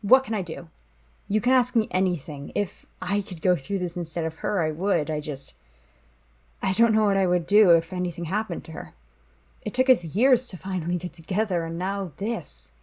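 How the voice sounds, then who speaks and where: A woman's voice: on the low side, normal speed, darkish tone, close to an everyday voice. A woman acting a devoted, worried young partner in an audio drama, earnest, emotional and apologetic. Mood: distressed, pleading.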